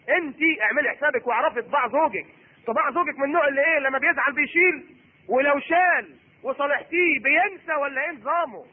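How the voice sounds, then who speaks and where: A middle-aged man preaching a sermon in an Egyptian Arabic accent. He is animated and acts out the voices of husband and wife. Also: very high voice. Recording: husky voice on tinny phone-like recording.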